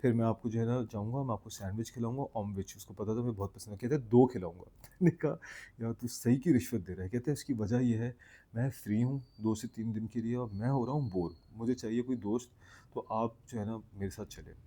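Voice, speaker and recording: A man from Pakistan, telling a funny personal anecdote in a casual, animated way, acting out his friends' lines. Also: mid-range voice, a little fast, slightly rough. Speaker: storyteller.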